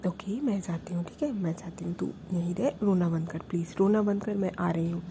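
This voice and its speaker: A woman's voice: on the low side, a little fast, background noise, natural voice. A woman voicing a caring older sister who reassures and coaxes her upset younger sibling. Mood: hushed. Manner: reassuring, coaxing.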